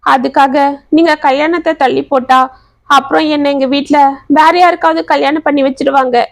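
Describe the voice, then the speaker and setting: A woman's voice: high-pitched, fairly even intonation, moderate pace, vocal fry, no room sound. A woman voicing a tearful, pleading young woman in love.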